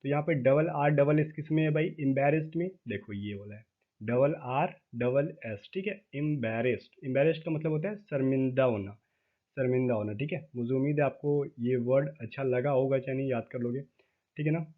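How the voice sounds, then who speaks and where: A man teaching vocabulary for exam preparation, chatty, often checking in with his viewers and spelling words out slowly letter by letter. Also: medium pitch. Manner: chatty, addresses viewers as "भाई". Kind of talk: exam-prep lesson. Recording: tinny phone-like audio.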